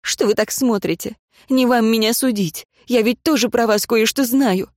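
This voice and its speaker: A woman's voice: on the high side, normal speed, dry recording, clean studio sound, lightly acted. A woman voicing a proud noblewoman teacher who speaks in a clipped, defensive way. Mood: cold.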